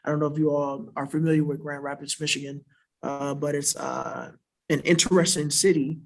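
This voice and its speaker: At a church worship center, a South Florida panelist responds to a question from the audience in a fairly high, level, gravelly voice with a darkish tone and moderate pace. Earnest and explanatory, he frequently ends points with "right?" as a question.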